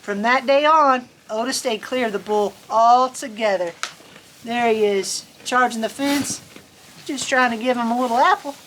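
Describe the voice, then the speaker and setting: In a fairly bright, slightly high voice at normal speed, a woman reads aloud to kids, her folksy, playful manner slipping into casual conversation. She's outdoors on a cold farm, with faint ambient sound in the background.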